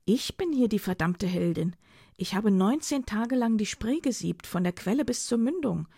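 A woman's voice: medium pitch, expressive, unhurried, gravelly, warm tone, slightly rough, no echo, studio quality, full character voice. Woman voicing a proud, prickly woman artist. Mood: indignant. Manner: defiant and indignant.

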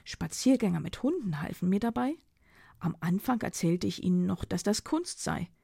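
A woman's voice: mid-range voice, very animated, moderate pace, vocal fry, warm tone, husky, no room sound, clean studio sound, exaggerated voice. Woman voicing a proud, prickly woman artist. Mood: explaining. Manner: defiant and indignant.

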